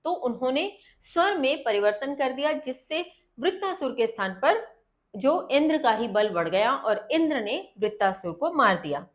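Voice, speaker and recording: A woman's voice: high voice, very animated, moderate pace. A woman teacher explaining a text word by word, patiently repeating each word and then its meaning.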